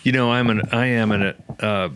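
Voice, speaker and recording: A man from Oklahoma in his forties, a guest author telling stories in a lively interview, with many restarts. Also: medium pitch, normal speed, smooth, no room sound. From Oklahoma, USA. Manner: animated, many restarts and fillers. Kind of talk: conversational storytelling interview.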